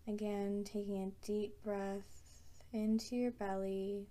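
A woman guiding a breathing meditation in a soft, soothing manner with long pauses. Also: mid-range voice, level tone. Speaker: meditation guide. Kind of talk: guided meditation.

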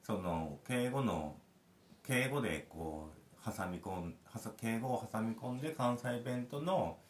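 Lively low-voiced man chatting in a roomy space. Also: slow pace, a little hiss or hum. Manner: rambling storytelling with frequent fillers. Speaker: podcast host. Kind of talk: casual chat. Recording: roomy echo.

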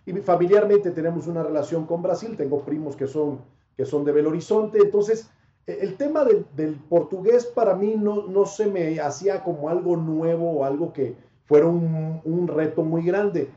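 A man's voice: fairly high pitch, moderate pace, warm tone. A man from Panama, a sports commentator, chatting reflectively in an interview and laughing often. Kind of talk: casual interview chat. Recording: dull lo-fi sound in an echoey room.

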